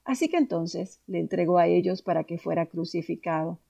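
Lady reading scripture, low gravelly voice, mellow, steady. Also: a little fast, highs cut off. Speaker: scripture reader.

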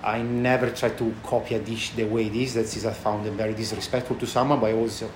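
A man with a thick Italian accent giving casual interview answers in halting, non-native English phrasing. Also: fairly low pitch, level tone. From Italy. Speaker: chef and restaurant owner being interviewed. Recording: echoey room with background noise.

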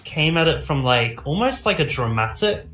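A man talking casually about films with rambling, animated enthusiasm, as a host does. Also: a little high, normal speed, echoey room, soft background music. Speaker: film discussion host. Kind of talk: casual enthusiastic film chat.

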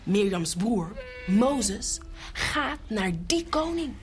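A woman narrating a Bible story for children, switching between hushed whispers and lively character voices. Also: medium pitch, extremely slow, music in the background.

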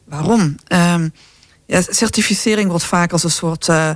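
A man from the southern Netherlands speaking in a panel discussion, lively and full of fillers and rhetorical tags. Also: sits high, a little slow, no room sound. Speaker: company representative.

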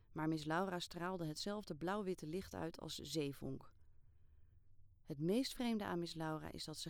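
A woman reading a first-person story aloud in a calm, steady way, with lively bursts in the dialogue. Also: fairly low pitch, dry recording, clean studio sound. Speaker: narrator.

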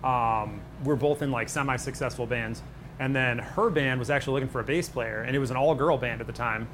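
Laid-back guy from buffalo, restaurant owner just chatting, mid pitch, noisy room. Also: steady tone, brisk. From Buffalo area, New York, United States. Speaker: pizza restaurant owner and bartender. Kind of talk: casual interview chat. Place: on location at his restaurant. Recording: noisy location with background ambience.

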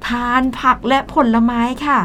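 A woman's voice: unhurried, bright, forceful tone, a little hiss or hum. A Thai woman with a Thai accent co-hosting an English lesson show, explaining words in Thai and mixing in English, often laughing. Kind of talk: bilingual radio English lesson chat.

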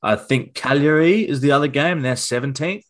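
A man's voice: on the high side, normal speed. A man co-hosting a casual football podcast, thinking aloud with plenty of ums and restarts. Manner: relaxed, thinks aloud with fillers. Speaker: podcast co-host.

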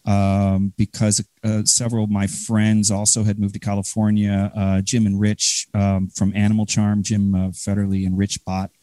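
A man from the Chicago area with a Chicago accent, chatting as a guest in a rambling, halting way full of fillers. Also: lowish voice, monotone, mellow, dry recording. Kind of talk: casual interview chat.

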